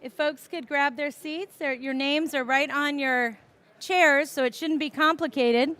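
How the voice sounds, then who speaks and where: A woman's voice: high voice, fairly even intonation, measured pace, a bit bright. A woman emceeing an outdoor ribbon-cutting ceremony, upbeat and teasing as she coaxes the crowd into their seats. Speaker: emcee and transit board chair. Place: outdoor transit station ceremony.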